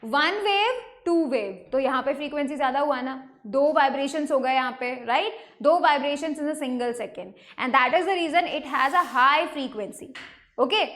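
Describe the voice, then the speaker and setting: A woman's voice: high-pitched, lively intonation, measured pace, a bit bright. A young woman with an Indian accent giving an online science lecture, mixing Hindi and English and often checking in with her students. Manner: mixes Hindi and English, checks in with "ठीक है?" and "right?". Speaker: teacher.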